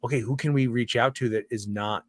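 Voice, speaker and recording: Relaxed man telling stories in dry sound. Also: mid-range voice, fairly quick, dry recording. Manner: relaxed storyteller, acts out quoted voices. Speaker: comics editor guest. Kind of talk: casual interview chat.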